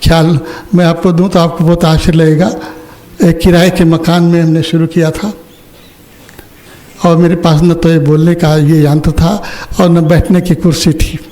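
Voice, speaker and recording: At normal speed, an older man with a mellow, level-toned voice on the high side delivers a religious discourse as a spiritual teacher. In an ashram opening ceremony hall, he shares a story and poses questions to the audience.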